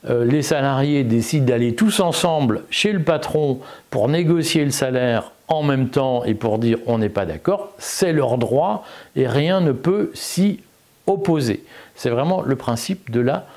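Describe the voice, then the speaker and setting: A political commentator, this man speaks in a medium-pitched, expressive, slightly mellow voice at a measured pace. His unscripted video commentary is argumentative and emphatic, peppered with fillers and repeated words.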